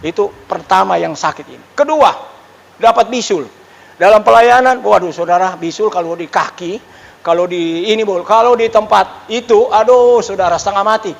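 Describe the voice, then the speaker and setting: A middle-aged male pastor preaching a sermon and telling a personal testimony in an animated, exclamatory way, dropping suddenly into quiet asides. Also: high-pitched, normal speed, gravelly. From Indonesia. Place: church hall. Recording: reverberant church hall.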